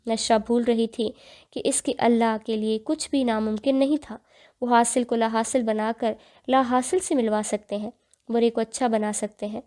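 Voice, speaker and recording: Mellow-voiced woman narrating a novel. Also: a little high, fairly even intonation. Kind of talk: dramatic audiobook narration.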